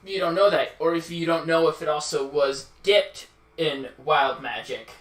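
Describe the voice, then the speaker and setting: Game master type, man, a bit high, laughs a lot, stumbles and restarts, roomy and off-mic. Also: fairly even intonation, a bit bright, far from the mic. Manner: laughs often, halting restarts. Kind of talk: running a tabletop game.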